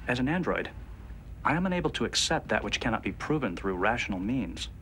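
An actor playing a calm, precise male android officer who speaks in a smooth, even, unemotional way. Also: medium pitch, fairly quick, a little hiss or hum, poor audio. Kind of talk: TV series acting.

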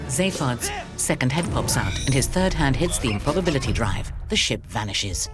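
Male audio describer: scripted, neutral, factual delivery at medium pitch over clear film music. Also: expressive, normal speed.

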